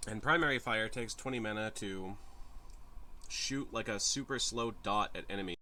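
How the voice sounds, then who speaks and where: A man's voice: fairly low pitch, moderate pace, bright, forceful tone. A man about thirty streaming a game from home, rambling and wry, swearing now and then as he reads chat. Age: 30s. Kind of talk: casual live-stream commentary.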